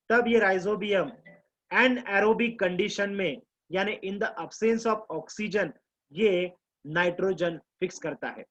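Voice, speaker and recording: Slow, high-voiced Indian biology teacher. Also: male voice, fairly bright tone, dull audio. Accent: Indian English mixed with Hindi. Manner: explains slowly, repeats key terms, quizzes students. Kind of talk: live online class lecture.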